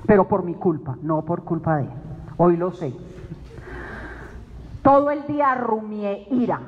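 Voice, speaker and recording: Her mid-range voice is unhurried as she gives a weekly faith meeting an emotional testimony sermon, telling her story with drama and performing her own lines. The sound is dull, captured in a hall full of reverb.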